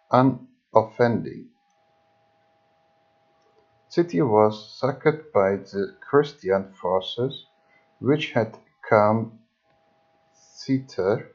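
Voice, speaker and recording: A man reading an old history book aloud, haltingly, often restarting words. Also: fairly low pitch, lo-fi sound. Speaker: reader. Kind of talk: slow audiobook reading of history.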